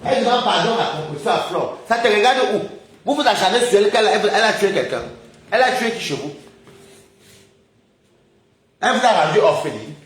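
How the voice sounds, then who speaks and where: Animated man ranting indignantly. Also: high voice, brisk, long pauses. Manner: indignant, rhetorical questions, frequent chuckles. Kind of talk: casual live-stream rant. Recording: roomy echoey recording.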